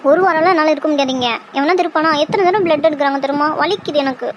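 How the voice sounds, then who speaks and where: A woman's voice: sits high, rapid-fire, background noise, close to an everyday voice. A woman voicing a sulky, teasing young woman heroine in a cartoon love story, with pouting, complaining lines. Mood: whiny. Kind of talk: cartoon voice acting.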